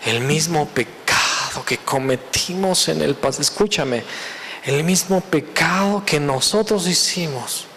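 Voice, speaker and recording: A man preaching a sermon, retelling a story in a lively, colloquial, dramatic way. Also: fairly high pitch, slight background noise. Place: church hall. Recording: echoey church hall.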